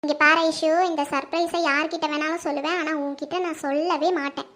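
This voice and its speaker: A performer voicing a kind, gently teasing mother-in-law in a home-made family drama. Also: sits high, little pitch movement, fairly quick.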